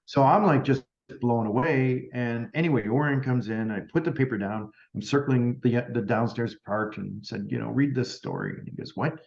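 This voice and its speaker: Man, medium telling a story on a podcast, acts out dialogue, lots of "like", middle pitch, echoey room, a bit dull. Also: lively intonation, moderate pace, gravelly, few pauses, darkish tone. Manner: retells conversations by acting out both sides, with many "like" fillers. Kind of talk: storytelling in a casual interview. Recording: roomy and slightly dull sound.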